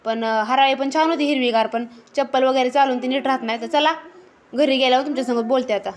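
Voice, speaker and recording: A young woman with a high-pitched, steady voice talks fast as she casually narrates a family vlog outdoors in a garden. She's a vlogger and mother, chatty throughout and now and then scolding her children.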